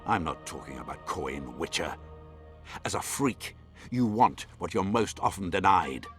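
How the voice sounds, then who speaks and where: Soft music plays behind a man's low, fairly bright voice as he performs a scornful baron competing for a throne in a fantasy game. He speaks at a measured pace with lively intonation, his formal, imperious diction cold and contemptuous throughout this dramatic acting.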